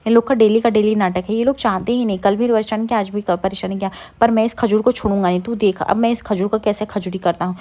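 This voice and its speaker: A woman's voice: medium pitch, steady tone, fast, hardly any pauses, dark tone, natural voice. A woman reading as a hot-tempered young husband. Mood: angry.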